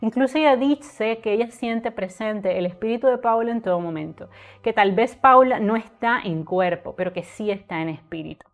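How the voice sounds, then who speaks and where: A woman's voice: a little high, moderate pace. A woman hosting a live-stream literature lesson, speaking in an earnest, conversational way with frequent filler sounds. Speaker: literature tutor and channel host.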